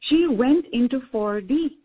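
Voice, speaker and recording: A woman co-hosting a spiritual call-in show, explaining teachings in calm, unhurried phrases. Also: high-pitched. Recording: tinny phone-like line.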